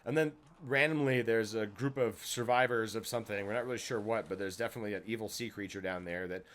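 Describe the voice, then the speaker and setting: A man's voice: fairly low pitch, fast, fairly bright tone. A man in casual chat while gaming, blunt and cynical, reeling off complaints.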